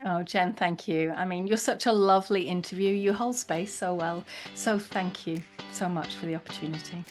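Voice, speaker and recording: A woman's voice: lowish voice, normal speed, hardly any pauses, music in the background. Reflective woman guest asking rhetorical questions. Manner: reflective, uses rhetorical questions, laughs easily. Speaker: guest, coach and podcaster. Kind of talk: reflective interview talk.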